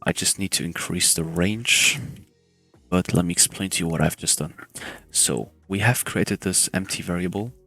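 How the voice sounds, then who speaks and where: A young man hosting a casual game development tutorial in a hushed voice, keeping quiet at night. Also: deep voice, normal speed, vocal fry, soft background music. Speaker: tutorial host.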